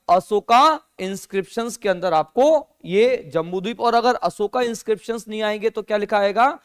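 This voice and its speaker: High-voiced man teaching a class. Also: smooth. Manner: asks the class questions and answers them himself; mixes English words into Hindi. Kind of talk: classroom lecture.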